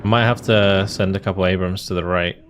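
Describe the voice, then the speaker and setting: A man with a low voice commentates casually over a war strategy game. He thinks aloud as he makes tactical calls, with clear vehicle and battle noise running behind him. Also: fairly even intonation, fairly quick. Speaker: gaming video host.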